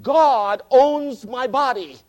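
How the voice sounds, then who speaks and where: A man's voice: very high voice, slow, darkish tone. A man in his fifties preaching a sermon, earnest and emphatic, repeating key phrases for stress. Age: 50s.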